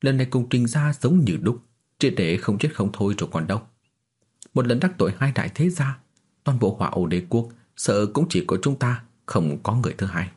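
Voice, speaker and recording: A man's voice: mid-range voice, lively intonation, moderate pace, a little mellow, husky. A man voicing a nervous middle-aged elder. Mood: worried. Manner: worried, pleading, nervous repetition. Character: anxious middle-aged male clan elder, timid.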